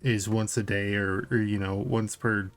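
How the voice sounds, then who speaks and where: A podcast co-host on a casual tabletop gaming show informally reads his notes aloud and then comments on them. His voice is lowish and steady, with a measured pace.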